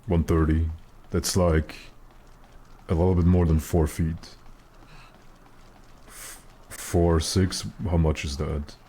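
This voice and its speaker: A man with a very deep voice chatting casually with his stream viewers while gaming, in a joking, mock-serious way. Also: flat delivery, slow pace, long pauses, mellow, breathy edge. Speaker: live game streamer.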